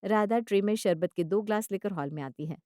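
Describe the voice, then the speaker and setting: A woman's voice: medium pitch, brisk, a little mellow, no echo. Woman narrating a story, dry sound.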